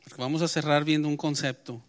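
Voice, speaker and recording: A man preaching a sermon and reading scripture aloud, pushing his key points hard and then letting phrases fall away quietly. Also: a little high, steady tone, quick pace, smooth. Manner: emphatic preaching that swells and then drops to a quiet close. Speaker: pastor.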